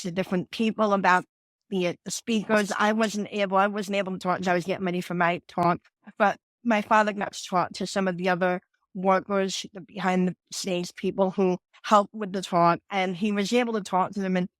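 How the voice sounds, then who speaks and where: A woman in her forties with a New York accent speaks at a mid-range pitch in a level, brisk tone, recorded dry. She's a confidence coach appearing as a podcast guest, earnestly recounting her story and frequently restarting sentences during the interview.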